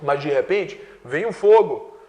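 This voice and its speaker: High-pitched guy teacher going through exam answers, lots of "né?", echoey room with long reverb. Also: lively intonation, unhurried, warm tone. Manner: explains answers step by step, often adds "né?". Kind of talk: exam prep lesson.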